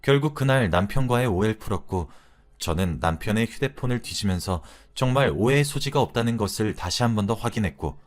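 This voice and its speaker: A man narrating a wife's real-life story in a chatty, confiding storyteller's manner. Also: lowish voice. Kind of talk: scripted narration of a listener's story.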